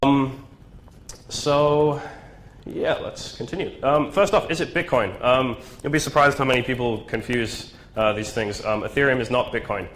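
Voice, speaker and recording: This man's voice sits in the mid range, fairly bright, at a normal speed. He's presenting a laid-back tech talk at a meetup, sounding nasal and congested with flu and leaning often on "um" and "right?".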